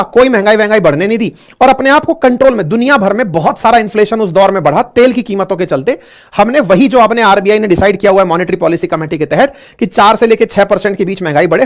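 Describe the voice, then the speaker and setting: Chatty male current affairs teacher. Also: high-pitched. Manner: chatty, addresses listeners as friends, mixes in English words. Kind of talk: casual explainer lecture.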